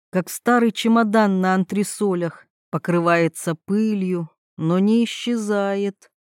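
A woman narrating a storybook in a measured, even way, with a voice of ordinary pitch for a woman. The recording is dry and close, with no room sound. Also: no room sound.

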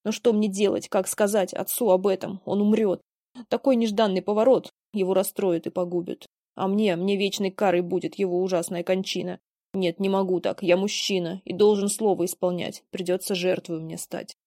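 A young son acted by a woman, weary of the world and resigned to gloom. The mellow voice recites mournful rhymed verse theatrically, recorded dry. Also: mid-range voice, level tone, normal speed, no room sound, natural voice. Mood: brooding. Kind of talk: dramatic verse play reading.

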